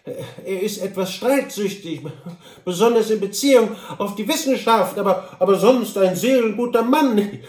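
A man's voice: sits high, normal speed, darkish tone, echoey room, distant mic, pitched above the performer's own voice, lightly acted. A man voicing a fussy, sorrowful cantor who frets and stammers. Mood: regretful. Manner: fretful, stammering.

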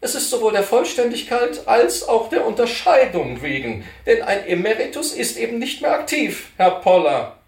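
A high, shrill and pedantic old cantor, fussing over titles and stammering. The squeaky voice sits far above the reader's own and swings widely. It sounds roomy and a little distant from the mic. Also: male voice, big pitch swings, moderate pace. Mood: fussy. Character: fussy eccentric elderly male retired cantor.

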